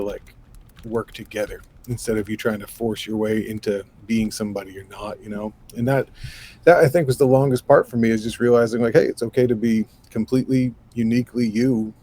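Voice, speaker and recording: Speaking fairly quickly, a low, raspy-voiced musician from New York State, in his thirties, rambles animatedly with lots of fillers while being casually interviewed.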